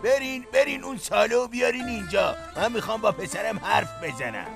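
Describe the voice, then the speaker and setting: A stubborn, lovesick old villager in a dubbed TV drama. His voice is high and heavily gravelly, and his threats are theatrical and defiant. Music plays behind him. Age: older.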